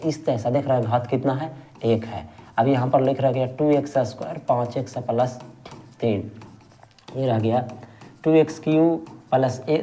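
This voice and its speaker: Male math tutor, mellow voice, repetitive question-and-answer teaching, affectionate with students. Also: mid-range voice. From Bihar, India. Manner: asks questions and answers them himself, repeats key terms; affectionate, calls students "my rasgulla". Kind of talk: exam-prep math lesson.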